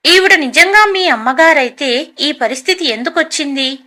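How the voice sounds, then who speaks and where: A woman voicing a kindly old male flower seller in a storybook tale, speaking gently and consolingly. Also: very high voice, lively intonation, normal speed, heavily acted. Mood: puzzled.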